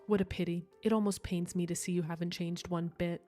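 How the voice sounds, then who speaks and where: A woman voicing a scheming villain who spins threads of fate, with a cool, mocking, measured delivery, as she reads visual novel dialogue. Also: on the low side, steady tone, warm tone, soft background music, close to an everyday voice.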